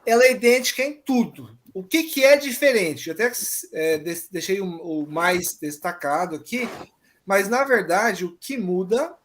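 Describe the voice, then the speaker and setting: A man's voice: high voice, moderate pace, a bit bright. A man teaching an online exam-prep grammar lesson, patiently explaining and often checking that students follow.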